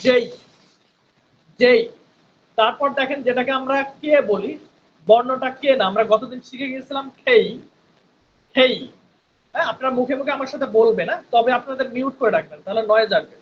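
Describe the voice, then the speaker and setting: The voice is a man's, extremely high in pitch, coming through lo-fi over headphones on a video call with slight background noise. He teaches spoken English online with patience, repeating sounds slowly and frequently asking his students "right?"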